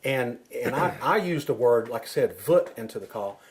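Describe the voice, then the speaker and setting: A man's voice: medium pitch, expressive, moderate pace, very noisy. A man working as an instructor, explaining technique informally, step by step and with examples. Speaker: duck-calling instructor.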